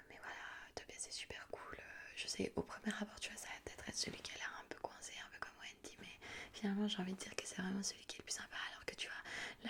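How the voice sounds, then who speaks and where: A young woman from France in a whispered role-play, chatting as a friendly student flatmate and rambling with many fillers. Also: medium pitch. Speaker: ASMR artist.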